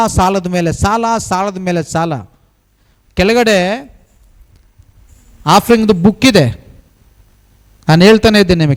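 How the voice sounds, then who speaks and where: A male pastor preaching a sermon to his church, firing rhetorical questions at the congregation and hammering points through repetition. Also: high-pitched. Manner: repetitive, emphatic preaching cadence.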